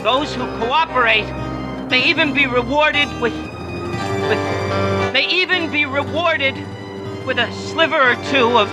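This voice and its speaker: A cartoon rabbit hero with a very high voice. He reads a forced announcement slowly, halting and reluctant, while loud music plays in the film clip. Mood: reluctant, grave.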